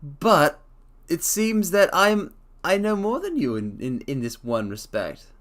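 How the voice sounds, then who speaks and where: Here the man's voice leans high and sing-song, and he never hurries. He's casually chatting on a live stream, hamming it up and calling listeners mortals, with soft humming between phrases.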